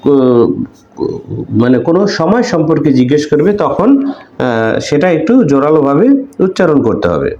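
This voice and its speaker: A man teaches an English textbook lesson, explaining in Bengali and then reading English sentences very slowly, leaning on the stressed words. His voice is mellow and rather high, with a lively, swinging pitch. The recording sounds echoey, like a bare room. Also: dull audio, a little hiss or hum. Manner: hesitant fillers between phrases.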